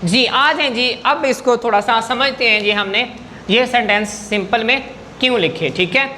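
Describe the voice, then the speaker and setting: A man's voice: very high voice, sharp tone, a little hiss or hum. A man teaching an English grammar lesson in class, patient and coaxing, often checking whether students follow.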